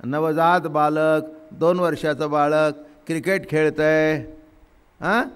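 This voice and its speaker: A man's voice: steady tone, takes it slowly, clear, resonant tone. An older man preaching a Marathi kirtan, telling homely stories and acting out family voices. He quotes verses in a chanting lilt and puts questions to the audience. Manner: asks the audience questions and drops to a soft, low voice when explaining. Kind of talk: devotional kirtan discourse.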